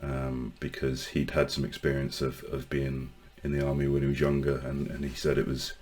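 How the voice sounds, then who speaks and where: An online safety vlogger in his forties, from Northern Ireland, tells a personal story to the camera. He hesitates and halts, restarting phrases often, while his very deep, low voice stays flat and even. The accent is mostly English, though traces of Northern Irish remain.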